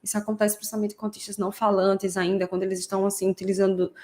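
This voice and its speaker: A woman hosting a podcast who explains things in a relaxed way. She often adds tag questions and acts out short examples. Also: mid-range voice, very fast. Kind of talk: casual explanatory podcast talk.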